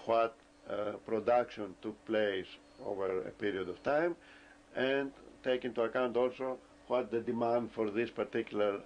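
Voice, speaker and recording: A man lectures in a low, gravelly voice, working through his explanation slowly, with frequent pauses and hesitations. The recording is dull and lo-fi, with a faint hiss of ambient noise behind him.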